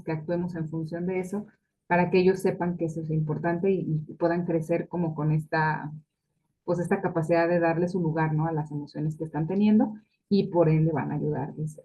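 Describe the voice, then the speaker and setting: Woman, very low husky voice, reflective, searching for words, dull lo-fi recording. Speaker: book discussion co-host. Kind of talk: casual explanatory talk. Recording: dull lo-fi sound.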